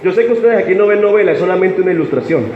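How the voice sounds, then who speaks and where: A man preaching a sermon in an animated way, asking the congregation to answer and repeat after him. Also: high voice, rapid-fire, slight background noise. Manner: animated preaching with audience call-and-response. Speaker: pastor. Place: church sanctuary. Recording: echoey church hall, dull sound.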